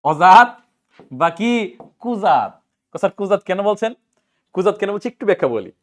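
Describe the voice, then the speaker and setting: A very animated, high voice with a darkish tone belongs to a male teacher with a Bangladeshi Bengali accent. He drills students through exam-prep grammar with repeated questions and answers, speaking in a brisk, colloquial way.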